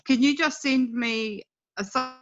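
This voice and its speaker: A woman leading a casual work meeting over a video call, explaining things step by step in a brisk way. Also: high-pitched. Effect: heard over a video call. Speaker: project lead in a work meeting. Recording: dull lo-fi video call audio.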